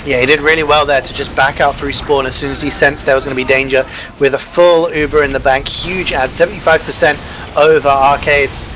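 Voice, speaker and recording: A man's voice: mid-range voice, fairly even intonation, brisk, noisy background. A man working as an esports caster, giving live play-by-play and analysis of a match.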